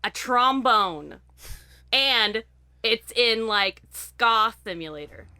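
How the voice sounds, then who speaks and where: A young woman co-hosts a casual gaming podcast. She sounds bright and animated, with a fairly high pitch, and she giggles and swears as she chats. Her voice is close and dry on the mic. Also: takes it slowly, smooth, no room sound. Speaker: podcast co-host. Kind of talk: casual chat.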